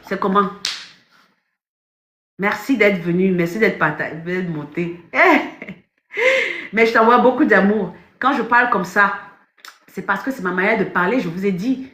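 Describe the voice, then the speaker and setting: Emphatic woman coach, bright echoey voice. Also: medium pitch, animated, a little slow, long pauses. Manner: emphatic, repeats phrases, addresses viewers directly. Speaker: life coach. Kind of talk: live-stream motivational talk. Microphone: phone.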